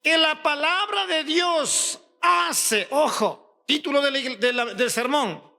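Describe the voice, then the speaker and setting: A pastor from Ecuador preaching a sermon, firing rhetorical questions at the congregation and rising to shouts on key points. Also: male voice, extremely high pitch, takes it slowly, vocal fry.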